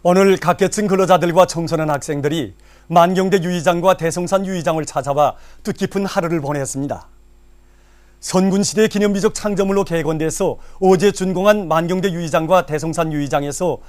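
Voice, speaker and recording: A man's voice: high-pitched, brisk. A man with a North Korean accent reading scripted news in a solemn, declamatory manner. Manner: declamatory, formal. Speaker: news announcer.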